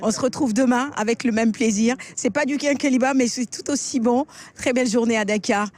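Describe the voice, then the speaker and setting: A woman field reporter presenting a street chronicle outdoors, chatting and asking lively questions. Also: a little high, a little fast.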